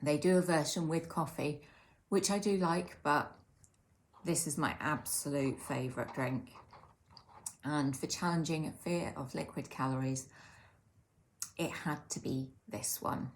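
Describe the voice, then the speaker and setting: A woman's voice: low voice, a little slow, pauses often. A British woman talking candidly and reflectively in a casual eat-with-me vlog, chatting over a drink. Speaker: vlogger sharing eating disorder recovery support.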